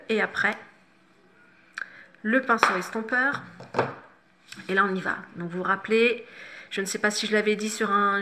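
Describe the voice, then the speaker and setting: A woman's voice: mid-range voice, sharp tone. A middle-aged woman talking viewers through a makeup tutorial, chatty and instructive, with self-mocking asides. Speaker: makeup vlogger.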